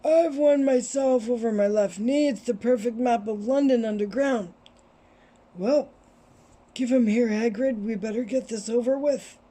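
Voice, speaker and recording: Woman voicing an elderly male wizard for a storybook reading: calm, slow and measured, in a mellow, altered tone. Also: on the high side. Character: old wise male wizard headmaster, calm. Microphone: cell phone.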